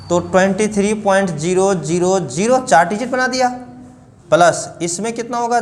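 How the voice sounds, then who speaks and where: Lively high-voiced math teacher. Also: male voice. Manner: explains step by step, often asks the class questions. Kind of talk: whiteboard math lesson for children.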